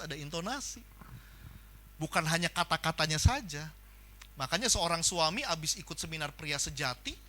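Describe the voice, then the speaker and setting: A man preaching a sermon in a church, talking with animation and acting out the people he quotes in loud bursts. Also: fairly high pitch. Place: church hall.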